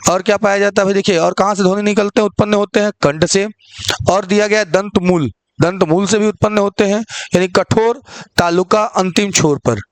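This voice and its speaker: A male teacher with a fairly high voice talks through an online lecture. He keeps asking the class questions and answering them himself, checking in often. The sound is dry and close, with no room echo. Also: fairly even intonation, a little fast. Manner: repeats "ठीक है" often. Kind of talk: online exam-prep lecture.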